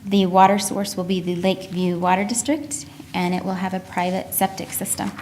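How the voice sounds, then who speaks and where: A woman's voice: lowish voice, steady tone, a little fast, darkish tone, slight background noise. A woman on planning staff reading out a formal report at a public meeting.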